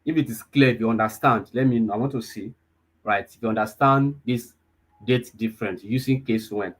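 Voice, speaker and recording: A data analysis instructor in his 20s talks a little fast as he guides a live online class through a lesson. His voice is husky, slightly rough at the edges and pitched squarely mid-range for a man. He repeats key points and checks in with listeners often.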